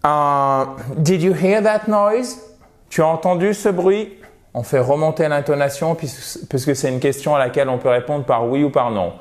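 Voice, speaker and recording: A man whose first language is French, teaching English grammar slowly and deliberately, stretching out the example words. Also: a little high.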